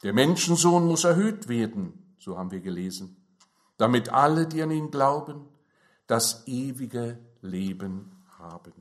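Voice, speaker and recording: Man, preacher, sermon, slow deliberate delivery, emphatic. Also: mid-range voice.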